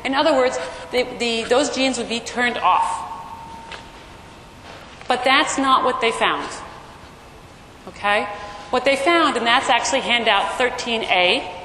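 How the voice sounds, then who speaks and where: A woman lecturer explains material at a measured pace, pausing often, in a loud, slightly high voice. She frequently checks in with "okay?" and "right?" while speaking into a microphone amplified through a large lecture room, which sounds echoey with faint noise.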